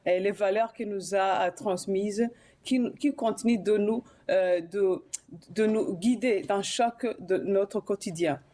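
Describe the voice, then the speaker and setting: A woman speaks as a guest in a TV studio interview, her voice soft and mellow. She talks hesitantly, stopping often with fillers and restarting her sentences. Her pitch sits in the middle range. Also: unhurried. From Burundi. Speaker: singer and guest.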